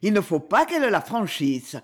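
Brief: a man voicing a cool, decisive adventurer-hunter in an audiobook, husky and lively. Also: sits high, normal speed. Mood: urgent, hushed. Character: bold, coolheaded male English big-game hunter. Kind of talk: audiobook character reading.

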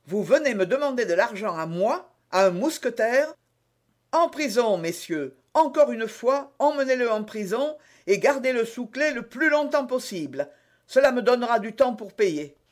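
A man voicing a bold, quick-witted young male musketeer in an audiobook reading, giving brisk orders. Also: high voice, very animated, voice pushed up. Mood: commanding.

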